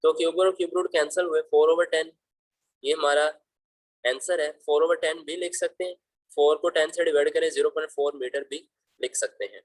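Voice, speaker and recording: With a steady tone and a fairly high pitch, this teacher talks a little fast as he guides students through math problems over slides. He's patient and fatherly, affectionately calling them "beta." The low-quality recording has no room sound.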